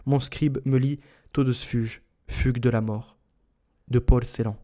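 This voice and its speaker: A man's voice: medium pitch, fairly even intonation, a little slow, warm tone. Solemn man reading a literary diary. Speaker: audiobook reader. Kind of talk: literary first-person narration read aloud.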